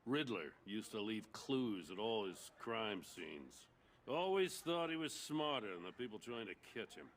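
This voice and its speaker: An actor playing a middle-aged, world-weary and plain-spoken police commissioner in a video game, loyal and easily indignant. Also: male voice, fairly low pitch, big pitch swings, unhurried, a little hiss or hum. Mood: weary, grim. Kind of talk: dramatic video game acting.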